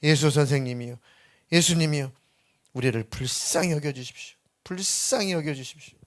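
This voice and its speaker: A man's voice: a little high, moderate pace, close to an everyday voice. A man crying out as desperate lepers. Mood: pleading. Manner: pleading, crying out loudly.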